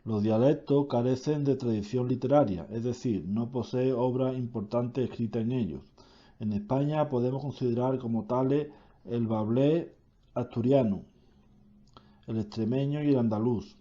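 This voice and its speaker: A man reading a grammar lesson aloud, slowly and deliberately, correcting himself now and then. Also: mid-range voice, mellow, highs cut off.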